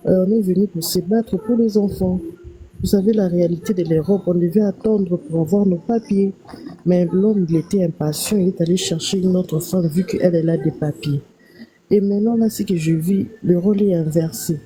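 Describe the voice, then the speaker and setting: A woman caller on a live stream, with a very dark, mellow tone and a fairly low voice. She lays out her story steadily, going over it again in detail. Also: fairly even intonation, normal speed, a little hiss or hum, low-quality recording. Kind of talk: casual call-in question.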